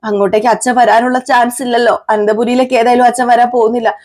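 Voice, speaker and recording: A brave young woman lies in a hospital bed, calming her worried family in a soft, reassuring tone, as a woman reviewer reads her lines. Her voice sits a little high. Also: fast, natural voice.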